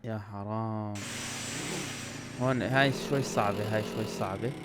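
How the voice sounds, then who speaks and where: A man in his twenties with a Levantine Arabic accent, doing excitable let's-play commentary for his channel, swinging between loud outbursts and low muttering. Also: moderate pace, heavy background noise. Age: 20s. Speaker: gaming YouTuber. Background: loud game music.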